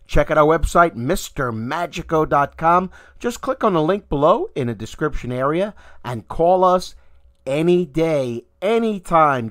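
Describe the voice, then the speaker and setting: A man reading an upbeat, scripted sales pitch as an advert announcer. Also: a bit bright. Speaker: advert announcer for a children's party magician. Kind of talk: scripted promotional narration.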